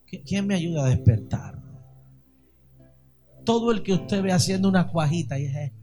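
A man's voice: sits high, lively intonation, moderate pace, warm tone, soft background music. A man preaching a sermon to a congregation, reading scripture and asking the listeners emphatic rhetorical questions.

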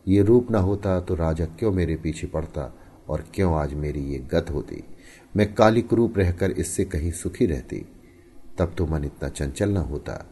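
A man voicing a frightened, guilty young village wife in a high, trembling falsetto. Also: expressive, measured pace, mellow, husky, exaggerated voice. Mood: brooding.

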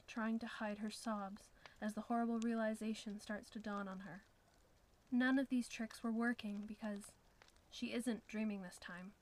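A woman reading a scripted horror story in a hushed voice, often sliding into whispers. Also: mid-range voice, a little hiss or hum, poor audio. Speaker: narrator.

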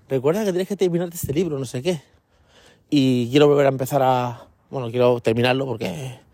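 A man's voice: medium pitch, warm tone, no echo. A man hosting a podcast in a casual solo monologue. He rambles and keeps checking in with his listeners, recorded while walking outdoors. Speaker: podcast host.

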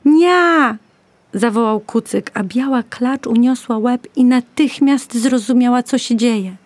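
A woman narrating a children's story in a gentle, measured way. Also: a little high, steady tone, no room sound.

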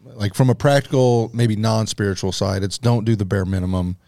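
A man hosting a casual church podcast chat, relaxed and joking, thinking aloud with fillers. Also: fairly low pitch, a little fast, vocal fry, dry recording. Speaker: podcast host.

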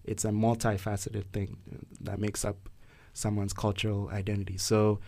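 A man's voice: lowish voice, little pitch movement, normal speed, gravelly, mellow. A young man from Ghana hosting a casual podcast discussion, thoughtful and hesitant, with many fillers and restarts. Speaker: podcast host.

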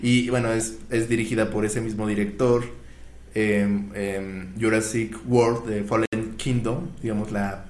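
A man's voice: on the low side, a little slow. A man, casually telling film anecdotes on a podcast and acting out the quoted dialogue. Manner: animated retelling, acts out quoted dialogue. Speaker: guest telling film history. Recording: echoey room, faint ambient noise.

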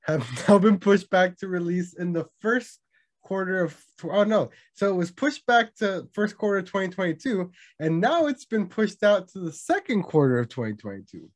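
A man's voice: sits high, expressive, moderate pace. A young man co-hosting a casual gaming chat, rambling and swearing freely. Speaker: podcast co-host.

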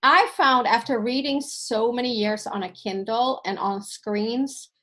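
A Finnish-speaking woman from Sweden chats casually as a podcast guest, reflectively telling stories from her life with lots of fillers. Her voice sits on the high side, bright and forceful, and she speaks a little slowly.

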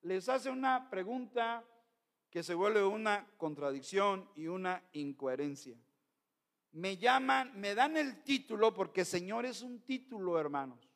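A middle-aged pastor delivers an emphatic Sunday sermon in a high-pitched voice. He keeps turning to the congregation as his brothers. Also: expressive, unhurried, fairly bright tone.

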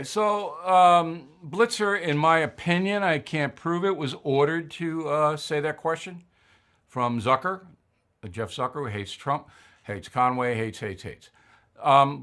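A man hosting his own commentary show, with a fairly high voice for a man. He talks bluntly and conversationally and drops in fillers as he goes. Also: fairly bright tone. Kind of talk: opinion commentary.

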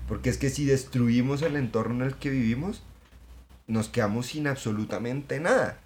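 A mid-pitched man, co-hosting a casual podcast chat. He talks in an excitable, emphatic way, driving his points home with profanity. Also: normal speed, a crowd in the background. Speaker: podcast co-host.

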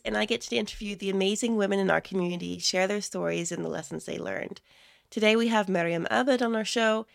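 A woman in her thirties hosting a podcast interview, upbeat and quick to laugh. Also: mid-range voice, gravelly, no room sound, studio quality. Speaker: podcast host.

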